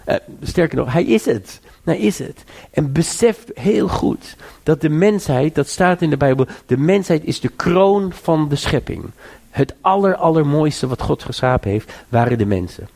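Male preacher, husky gravelly voice, earnest repeated appeals, sermon delivery. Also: lively intonation, normal speed, darkish tone. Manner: earnest exhortation, repeats and rises in pitch to urge listeners.

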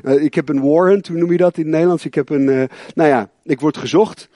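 A fretful, halting man insists he cannot speak and is not up to the task, his voice pushed noticeably higher, as a preacher acts him out in a sermon. The recording is close and dry. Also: steady tone, dark tone, no echo, lightly acted. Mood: anxious pleading. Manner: agitated, halting, self-deprecating. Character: anxious stammering man pleading unworthiness.

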